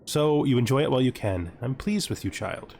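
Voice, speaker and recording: A slightly fast male gaming host with a mid-range, creaky, somewhat mellow voice and lively intonation narrates his playthrough. He thinks aloud and reads on-screen text casually, with music under him and a little hiss or hum.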